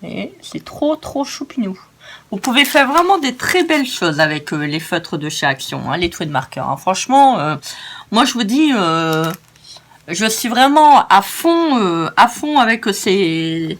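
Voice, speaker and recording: A woman's voice: mid-range voice, very animated, measured pace, fairly bright tone, a little hiss or hum. A woman hosting a casual crafting demonstration, chatty and enthusiastic, often stumbling over her words. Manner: gushing and enthusiastic. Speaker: craft video host.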